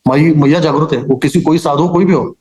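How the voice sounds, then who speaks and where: A man speaking quickly in a fairly high voice as an interview guest. He recounts his pilgrimage earnestly, often repeating words and phrases, in relaxed casual talk. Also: poor audio.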